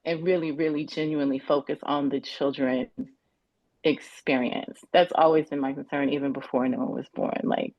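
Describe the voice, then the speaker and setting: Woman on a muffled dry video call in court, halting, keeps restarting. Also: sits low, steady tone, no echo. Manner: halting, searching for words, restarting. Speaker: parent testifying in a custody hearing. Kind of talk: court testimony.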